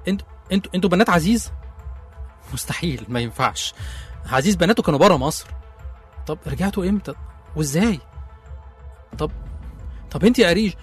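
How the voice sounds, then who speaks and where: A man's voice: on the high side, slightly rough. A man with an Egyptian accent playing a young businessman who stammers in disbelief. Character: shocked young businessman betrayed by colleagues. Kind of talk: radio drama acting.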